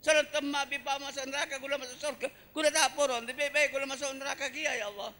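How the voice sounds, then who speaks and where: A man voicing a young child who pleads tearfully to God in high, plaintive wails. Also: fairly even intonation, fast talker, pushed and bright, long reverb tail. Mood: pleading. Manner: high plaintive wailing pleas.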